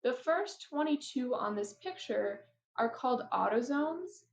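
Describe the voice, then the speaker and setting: A woman teacher talking casually through lecture slides, with chatty, apologetic asides and a somewhat flat, robotic-sounding delivery. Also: sits high, a little slow, creaky. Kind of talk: recorded lecture over slides. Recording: roomy, dull lo-fi mic.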